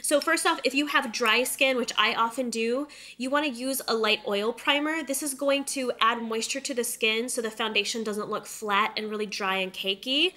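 A woman in her thirties, getting over a cold, hosts a casual makeup tutorial seated close to the camera on an indoor room studio set. Her slightly high voice is nasal and a bit stuffy, pushed and bright, moving at normal speed with few pauses as she chats straight to viewers.

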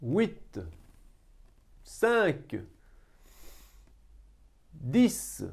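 Male math teacher in a classroom lesson, animated pitch, unhurried delivery, coaxing students along. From Belgium. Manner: lively, coaxing, talks to students directly.

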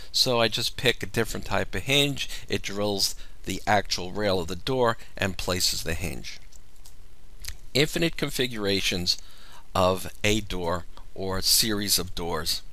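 Male tutorial narrator, low and crisp, walks through the steps calmly over a close mic. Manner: measured, explanatory walkthrough. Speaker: software demonstrator. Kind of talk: screen-recorded software tutorial.

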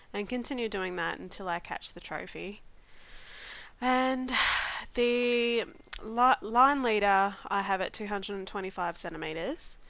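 Woman, nasal, sick with the flu, raspy fry in the voice, mid-pitched, relaxed step-by-step gaming tutorial. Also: no room sound. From Australia. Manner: casual, step-by-step instructing. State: has the flu. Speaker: gaming channel host. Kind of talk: gameplay tutorial narration.

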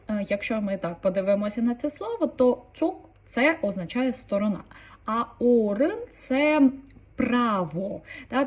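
Mellow, husky-voiced woman teaching vocabulary. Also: a little high. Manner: explains calmly, repeats each word twice. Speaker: language teacher. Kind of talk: online language lesson.

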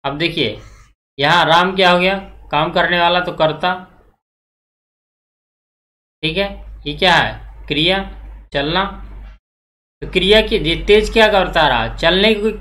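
For this exam-prep lecture, the Hindi grammar teacher speaks at a moderate pace in a high voice that is bright and forceful. He quizzes the class, supplies the answers, repeats himself and checks in often.

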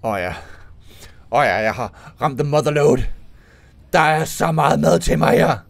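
A man voicing a greedy, hungry rabbit that gloats over a pile of plants and munches loudly. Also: a little high, animated, vocal fry, soft background music, pitched below the performer's own voice. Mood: gloating.

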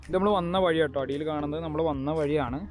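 A man's voice: a little high, fairly even intonation, fast talker, a little mellow, faint music behind. A man with a Kerala Malayalam accent vlogging casually and enthusiastically to viewers, mixing English words into his Malayalam. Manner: enthusiastic, repeats catchphrases of approval. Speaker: travel vlogger, host. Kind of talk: casual vlog commentary to viewers.

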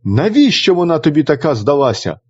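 A man's voice: fairly high pitch, very animated, fairly quick. A man voicing a scornful old queen who scolds her son about his wife. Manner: scolding, contemptuous. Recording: dull lo-fi recording.

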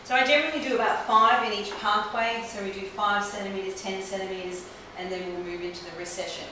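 A woman in her forties who works as a trichologist talks through a technique step by step while treating a client in a small clinic room. Her medium-pitched voice is bright and pushed, with fairly even intonation and a slightly quick pace. A camera mic across the room picks up roomy echo and noticeable hiss.

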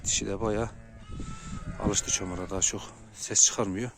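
A man's voice: moderate pace, background noise. A man presenting his own dog vlog, talking to viewers while tending his dogs outdoors. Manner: coos at dogs in a high, loud voice, calm and lower when explaining. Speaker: dog breeder vlogger. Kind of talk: casual vlog narration to viewers.

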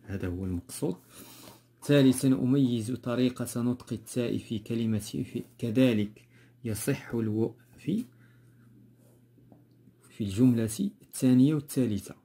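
A man's voice: mid-range voice, moderate pace, long pauses, dark tone, husky. A man with a Moroccan accent teaching a textbook grammar lesson, going step by step and repeating key words.

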